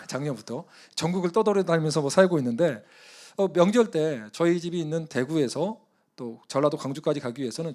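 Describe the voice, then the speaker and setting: A man preaching at a church service, in a conversational, animated storytelling style. His voice sits somewhat high for a man, and it swings between soft, low asides and louder, excited moments. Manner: animated, conversational, often chuckling. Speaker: guest missionary preacher. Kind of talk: sermon with personal storytelling.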